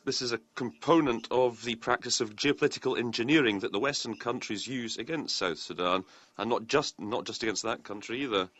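A man speaking as a live interpreter, relaying a diplomatic speech in a measured, slightly halting way over a conference feed. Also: medium pitch, a bit bright, lo-fi sound.

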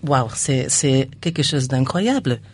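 A radio station staff member, a woman, is interviewed in French, which isn't her first language, and she searches for words as she goes. Her voice is a deep rumble, expressive and a bit mellow with a breathy edge, and she speaks slowly.

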